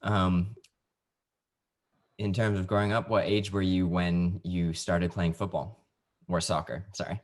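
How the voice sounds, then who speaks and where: A man hosting a casual interview over a video call, his voice pitched very low. His tone is easygoing and jokey as he leads the questions. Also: flat delivery, measured pace, pauses often. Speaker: podcast host.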